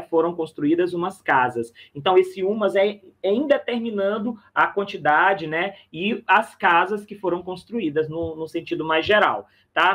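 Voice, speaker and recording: Brief: male language teacher, raised pitch, friendly repetitive explainer style. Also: fairly bright tone. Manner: chatty, repeats and checks with "né?", calls listener "camarada". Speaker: Spanish teacher. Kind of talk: recorded online lesson.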